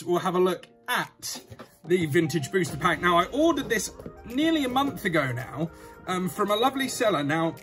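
High-pitched, excited British man announcing giveaways. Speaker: YouTube host. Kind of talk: casual unboxing and giveaway vlog. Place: small indoor room at a desk.

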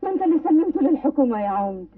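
A woman's voice: sits high, sing-song, racing. A wailing Egyptian village woman. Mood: desperate. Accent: Egyptian Arabic. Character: grieving, defiant village woman whose husband was taken. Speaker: actress in an old film. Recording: tinny, distant old film soundtrack.

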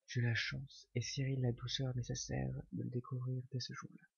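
A man giving a whispered ASMR reading of a novel, slow and hushed. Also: medium pitch, completely flat delivery, vocal fry, slightly rough, no echo. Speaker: ASMR reader. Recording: dull lo-fi recording.

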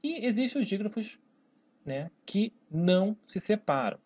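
At a measured pace, a Portuguese teacher with a Brazilian accent teaches grammar at a whiteboard in a sing-song, medium-pitched voice that's a little mellow with a breathy edge. They draw out words syllable by syllable and keep asking "né?" and "tá, pessoal?". The recording has a dull, lo-fi quality.

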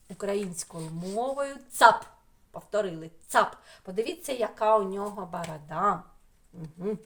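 Sing-song woman teaching small children. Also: mid-range voice. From Ukraine. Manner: slow, sing-song teacher talk, drawing out sounds. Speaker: preschool teacher. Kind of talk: remote lesson for young children.

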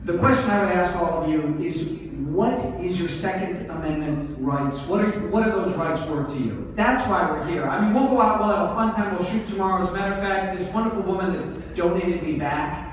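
A man's voice: high voice, fairly quick, a little hiss or hum. A man giving an off-the-cuff, emphatic appeal to donors at a fundraiser, mixing jokes with rallying lines. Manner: emphatic, joking, rousing. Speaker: guest speaker rallying donors. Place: large hotel ballroom. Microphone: handheld mic, filmed from far back. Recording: echoey ballroom from far off.

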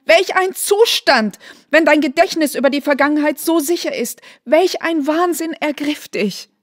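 A woman's voice: a little high, expressive, measured pace, darkish tone. A woman voicing a stern, shocked noble mother who exclaims indignantly in a literary reading.

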